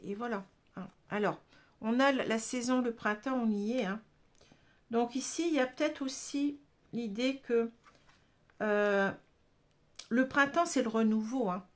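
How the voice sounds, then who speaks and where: French lady doing a tarot reading, kinda high voice, talky, keeps restarting her sentences. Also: a little slow, long pauses. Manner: chatty, frequent "hein" and restarts. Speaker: tarot card reader. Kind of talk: casual monthly tarot reading.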